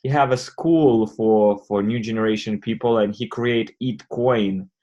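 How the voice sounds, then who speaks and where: A man hosting an online community call, explaining things step by step in a halting way. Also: fairly low pitch, mellow, dull audio. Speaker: host presenting a crypto wallet.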